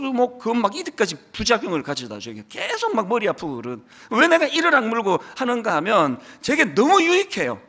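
Animated, bright-voiced pastor preaching. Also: male voice, high voice. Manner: storytelling, swings between loud and hushed. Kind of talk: sermon. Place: church sanctuary.

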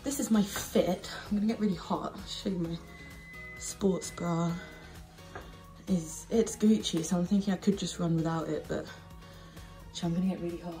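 A woman's voice: fairly low pitch, steady tone, moderate pace, warm tone, rough recording. A young woman chatting casually to her phone camera as a vlogger, upbeat and poking fun at herself. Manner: chatty, upbeat, self-mocking. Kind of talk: casual vlog chat. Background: background music.

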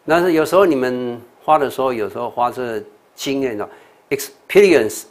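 An older man with a Taiwanese accent, a monk teaching English pronunciation in a TV lecture, repeating sounds and words with many "oh" and "ha" fillers. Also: medium pitch. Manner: slow, repetitive drilling with fillers like "oh" and "ha".

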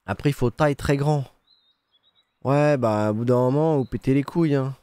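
A man's voice: medium pitch, moderate pace, mellow, smooth, no room sound. A young man giving casual, joking commentary as he plays a game, sarcastic, swearing freely and humming little sound effects. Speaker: gaming streamer. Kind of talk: casual let's-play commentary.

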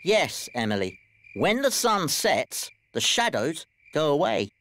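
A woman voicing a patient grown-up teacher in a cartoon, explaining things calmly to small children. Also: low voice, measured pace, heavily acted.

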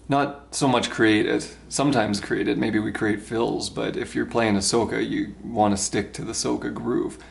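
A man teaching drum rhythm, explaining in a casual way and chanting rhythm syllables, recorded inside a parked car. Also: fairly low pitch. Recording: gravelly voice, faint road hum.

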